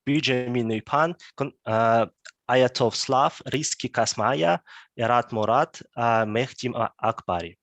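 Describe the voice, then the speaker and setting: A man's voice: medium pitch, measured pace, fairly bright tone, dry recording. A man from Ukraine answering carefully and apologetically in an online meeting, over a video call. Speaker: community member.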